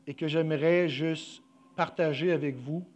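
A young man giving a sermon, emotional and halting, often dropping his voice, with many fillers. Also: fairly high pitch, steady tone, a little mellow. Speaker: preacher.

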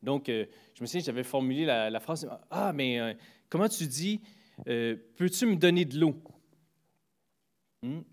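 A man's voice: mid-range voice, moderate pace, long pauses. A man casually telling anecdotes about greetings and politeness, full of fillers and restarts, lifting his voice for quoted phrases. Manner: hesitant, many fillers and restarts; animated, voice jumps for quoted phrases. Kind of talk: casual storytelling chat.

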